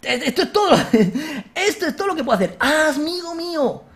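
A man with a Spain Spanish accent hosting a let's-play, excitable, shouting at enemies and joking with viewers. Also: extremely high pitch, fairly quick, creaky. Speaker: gaming video host.

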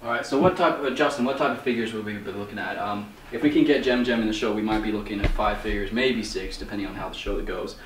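A man's voice: fairly low pitch, quick pace, hardly any pauses, a bit bright, roomy sound, far from the mic, a little hiss or hum, low-quality recording. Stammering man, put-on producer voice. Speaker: prankster posing as a TV producer. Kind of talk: prank phone call.

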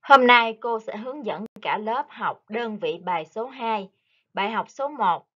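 A woman teaching English to young children, speaking slowly and carefully and repeating each word for them to copy. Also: a little high, animated, sharp tone, muffled recording. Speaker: primary school English teacher. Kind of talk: online lesson for young children.

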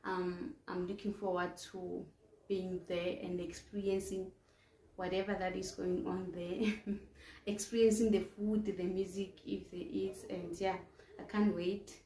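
A woman's voice: fairly low pitch, little pitch movement, unhurried, dark tone, roomy sound. A young South African woman vlogging to the camera in a chatty, upbeat way, with lots of ums. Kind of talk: casual vlog talk to camera. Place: indoors in front of a plain wall.

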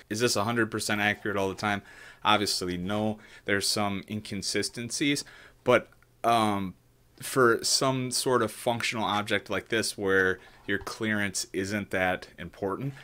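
Man in his thirties, casual home tutorial, lowish voice, crisp forward tone, thinks aloud, keeps asking "right?". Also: fairly bright tone. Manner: loose, thinking aloud with frequent "right?" and restarts. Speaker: maker demonstrating 3D modeling. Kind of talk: casual screen-share tutorial. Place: small room at home, indoors.

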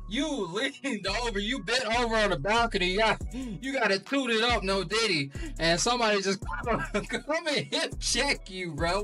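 High-pitched young man reacting in shocked laughter. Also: bright, forceful tone, recorded from a distance. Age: young adult. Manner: incredulous, breaking into shocked laughter; slangy. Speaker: host of prank reaction videos. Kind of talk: casual reaction commentary. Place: small indoor room.

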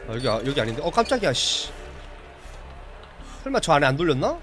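A man's voice: a little high, big pitch swings, brisk, fairly bright tone, faint music behind. A man chatting casually with his viewers while streaming a horror game, reacting to the play and answering chat.

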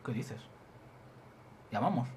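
A man's voice: slow pace, a little hiss or hum. A young man with an accent from Spain giving casual, joking gameplay commentary and swearing freely. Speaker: let's play host.

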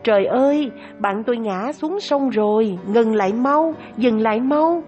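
A woman voicing a greedy, scheming male swordsman who turns killer, speaking in a storybook tale with feigned grief and smooth persuasion. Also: on the high side, animated, measured pace, a little mellow, dull audio, faint music behind. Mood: fake wailing.

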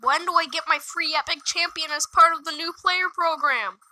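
A woman's voice: extremely high pitch, moderate pace, pushed and bright, no echo, rough recording. A woman giving casual, sarcastic gameplay commentary, complaining and swearing freely as she plays. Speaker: gaming video creator.

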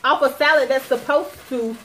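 A woman's voice: high-pitched, steady tone, normal speed, a bit bright. A woman in her thirties hosting a casual mukbang, chatting and complaining to viewers at a table at home. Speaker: mukbang host. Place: dining table in a home living room. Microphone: camera across the table. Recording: noisy home room recording.

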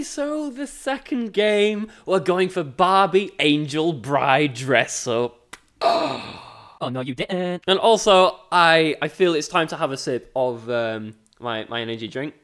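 A British man in his twenties with a high-pitched, sharp voice hosts a YouTube gaming channel. His let's-play commentary is casual, jokey, sarcastic and full of swearing, with music playing behind him.

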